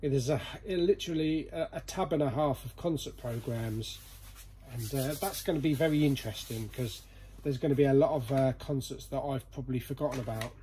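In a box-filled indoor storeroom, this vlog host banters lightheartedly as he sorts his collection. His medium-pitched voice is mellow and a little fast, with slight background noise.

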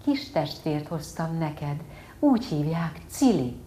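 A woman voicing a gentle, anxious father speaking softly to his daughter. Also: low-pitched, sing-song, roomy sound. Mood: tender. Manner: soft, pleading.

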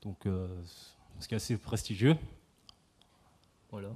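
A young man reads out a formal introduction in a lecture hall. He hesitates often and fills the pauses with small sounds. He speaks as a student interviewing a guest. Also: lowish voice, fairly even intonation, warm tone, husky. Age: young adult. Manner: hesitant, with frequent filler sounds.

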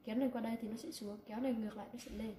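A woman giving an unhurried step-by-step software tutorial, often pointing things out with short "here, there" remarks. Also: on the high side, fairly even intonation. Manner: unhurried step-by-step instructions with frequent "đây, đấy". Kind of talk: screen-recorded software tutorial. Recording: echoey room, faint background noise.

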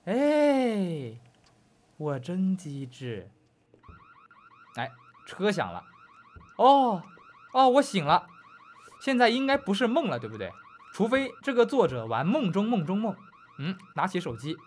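Young male gaming creator, high and animated, chatty horror playthrough with bravado for the audience. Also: measured pace, a little hiss or hum. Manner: joking, talks to viewers, claims not to be scared, yelps at scares. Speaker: gaming YouTuber. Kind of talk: horror game commentary. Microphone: headphones on, desk mic.

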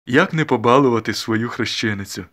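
A man voicing a doting, slightly tipsy old gentleman who speaks slowly and loudly in a fond, expansive way. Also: mid-range voice, natural voice. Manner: slow, loud and fondly expansive.

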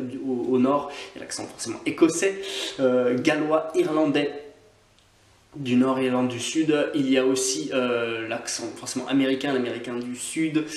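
A man's voice: medium pitch, a little mellow, roomy sound. A man from Scotland, an online English teacher, giving a chatty video lesson and drilling words by repetition. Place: on holiday, away from usual setting.

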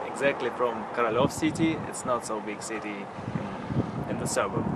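Young oceanographer from Russia, mid pitch, hesitant intro, outdoors with loud background noise. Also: male voice. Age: young adult. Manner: hesitant, with fillers. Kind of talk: self-introduction to camera. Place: outdoors on a rooftop by a fjord.

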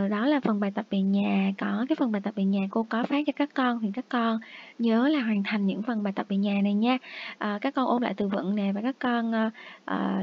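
A woman teacher giving a review lesson to young children. Her voice sits a little high, and she is patient and coaxing as she says each English word slowly and repeats it. The recording sounds muffled and lo-fi.

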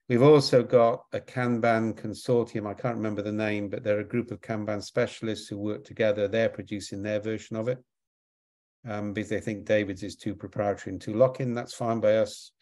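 A man's voice: on the low side, darkish tone. A man answering audience questions in a webinar, explaining with repeated words and frequent "right?" tags.

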